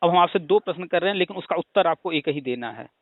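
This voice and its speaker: A man's voice: fairly high pitch, expressive, fast talker, no room sound. A man explaining a topic at length in a casual phone conversation, lecturing patiently with rhetorical questions and examples. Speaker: teacher hosting a call-in discussion. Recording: tinny phone line.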